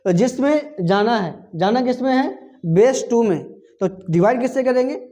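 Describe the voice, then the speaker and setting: A man's voice: extremely high pitch, lively intonation, normal speed, dark tone. A male teacher giving a classroom lecture, asking questions and answering them himself, chanting times tables aloud. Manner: call-and-response questioning, answering his own questions.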